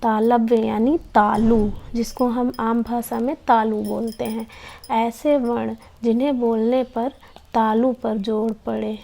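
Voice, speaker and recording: Woman teacher, mellow gravelly voice, slow and patient, sounds out each letter. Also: fairly high pitch, level tone. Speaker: Hindi teacher. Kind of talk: slow classroom explanation.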